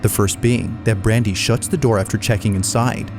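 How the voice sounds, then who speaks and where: A low, gravelly male narrator reads a scripted account in a measured, ominous way. Music plays behind his voice. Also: fairly even intonation.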